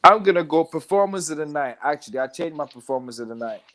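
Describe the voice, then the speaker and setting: Male co-host, bantering and unhurried, a touch high-pitched. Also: expressive, a bit bright. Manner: bantering, hesitant with many fillers and repeats. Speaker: podcast co-host. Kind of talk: casual chat.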